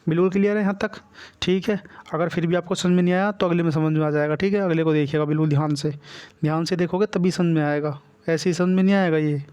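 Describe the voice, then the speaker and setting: A man with a Hindi accent and a slightly high voice teaches a grammar lesson. He walks through each step at the board and repeats himself often, checking in with his students again and again. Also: fairly even intonation, fast talker, darkish tone, clear, resonant tone, dull audio. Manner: repetitive, checks in with "ठीक है" constantly. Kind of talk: whiteboard exam-prep lesson.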